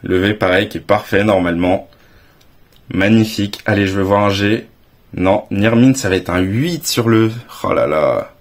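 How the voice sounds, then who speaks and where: Young french guy hyped about his graded cards, lowish voice, lots of slangy exclaiming. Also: moderate pace. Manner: excitable, exclaims with slang and repeated phrases. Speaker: card collecting YouTuber. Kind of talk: casual unboxing commentary.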